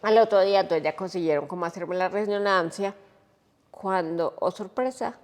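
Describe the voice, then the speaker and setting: A woman, a podcast guest telling a personal story in an animated, emotional way. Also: medium pitch, normal speed, long reverb tail.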